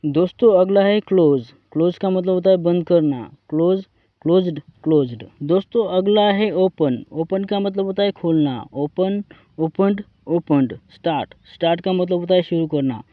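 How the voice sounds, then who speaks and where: A man with an Indian accent teaching English vocabulary, reciting verb forms in a slow drilling way and addressing viewers as friends. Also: sits high, no room sound, narrow, tinny audio.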